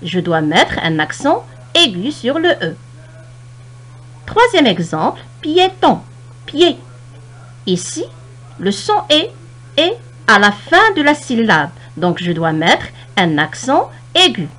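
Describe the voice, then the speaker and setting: A woman teacher explaining French spelling rules step by step, slowly stressing each example word. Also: mid-range voice, huge pitch swings, fairly bright tone. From Morocco. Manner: slow, deliberate explanation, stressing and stretching example words.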